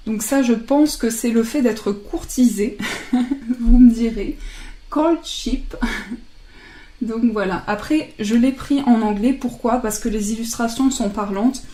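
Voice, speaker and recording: A woman casually presenting oracle card decks, chatting and laughing softly at herself as she translates card titles aloud. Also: a little high, unhurried, reverberant.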